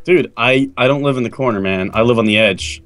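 A man's voice: medium pitch, brisk, fairly bright tone. A young man playing a minigame with a friend, cocky and teasing, breaking into laughter. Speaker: guest player. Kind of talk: casual gaming banter.

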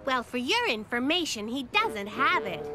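A quick-witted little cartoon girl, with a very high, bouncy voice that swoops up and down. She talks wryly and knowingly, like she's letting you in on a joke. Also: sing-song, over music. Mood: scheming. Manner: chatty, wry storyteller to camera. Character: clever spunky little girl. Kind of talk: cartoon voice acting.

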